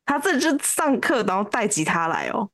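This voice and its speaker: A female podcast co-host with a Taiwanese Mandarin accent, rambling easily through school memories with many fillers. Her voice has a middle pitch for a woman. The recording is dry and close, with no room sound. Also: very animated, fairly quick, fairly bright tone, no echo. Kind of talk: casual storytelling chat.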